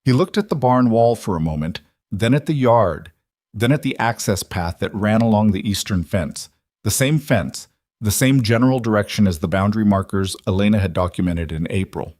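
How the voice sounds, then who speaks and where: A man narrating a scripted western story in a steady, unhurried way. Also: fairly low pitch, dry recording, clean studio sound.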